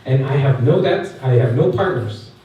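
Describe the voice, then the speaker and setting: A guest speaker at a youth camp, a man in his thirties from Korea, delivers a chatty, animated personal talk in a Korean accent at a moderate pace, his voice medium-pitched and lo-fi. He frequently quizzes the audience and uses plenty of fillers. The sound is echoey, as if from a hall, with the mic far away and faint noise present.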